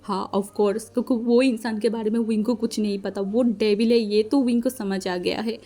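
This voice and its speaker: A woman reading fan fiction aloud as storyteller, with lively, chatty asides to the listener. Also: a little high, moderate pace.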